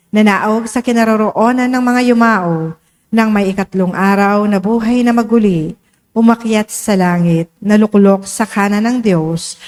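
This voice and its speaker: A woman with a Filipino accent, leading the congregation in a steady recitation of the Creed at Mass. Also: mid-range voice. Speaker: congregation prayer leader.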